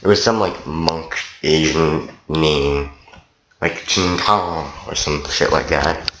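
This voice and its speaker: A man's voice: rumbling low, steady tone, slow pace, a bit bright. A man from Canada giving a loose, meandering and profane game review in a casual tone. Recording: roomy echo, faint noise.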